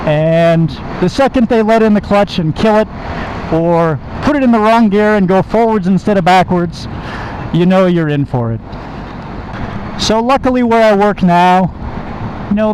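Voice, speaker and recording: A high-voiced American man chats casually, telling anecdotes as he rides. His voice comes from inside a motorcycle helmet, with clear engine and road noise around it. He is conversational and repeats phrases to make his point. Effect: muffled inside a motorcycle helmet. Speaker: motovlogger and car salesman. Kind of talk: casual storytelling to camera while riding. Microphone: microphone inside helmet.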